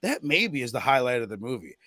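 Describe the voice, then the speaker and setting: A young man hosting a casual horror movie review podcast, animated and often acting out lines from the film. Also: mid-range voice, brisk, no room sound, studio quality. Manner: animated, acts out movie lines in exaggerated voices. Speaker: podcast host.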